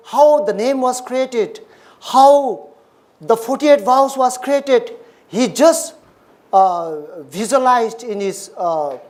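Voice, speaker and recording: A speaker from Nepal, giving a dharma talk in short, simple, repeated English phrases. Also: medium pitch. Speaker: Buddhist lecturer.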